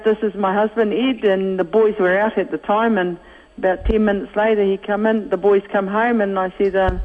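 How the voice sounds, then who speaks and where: New woman in an echoey, tinny clip. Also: mid-range voice. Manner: warm, laughing anecdote-telling. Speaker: mother of rugby players, interviewee. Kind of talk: recorded radio interview clip.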